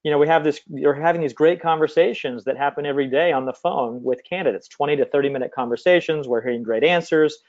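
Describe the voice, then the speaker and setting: A company CEO and former recruiter speaks conversationally as an interview guest, explaining things over slightly muffled call audio. His voice is a little high, and he talks fast with few pauses.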